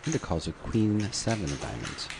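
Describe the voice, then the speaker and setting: Lower-voiced man calling hands at a live poker table in a noisy stream recording. His pitch swings widely and he laughs readily at his co-host. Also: very animated, normal speed. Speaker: poker commentator.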